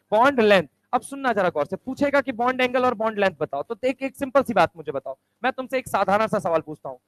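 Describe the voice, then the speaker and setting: A male chemistry teacher lecturing a class, firing quick rhetorical questions and answering them himself. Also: sits high, no room sound, low-quality recording. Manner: answers his own questions aloud.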